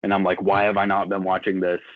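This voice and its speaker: A man's voice: low-pitched, completely flat delivery, quick pace, dry recording. An American man chatting casually as a guest over a laptop video call, easygoing and saying dude a lot. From United States. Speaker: guest musician. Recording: tinny phone-like call audio.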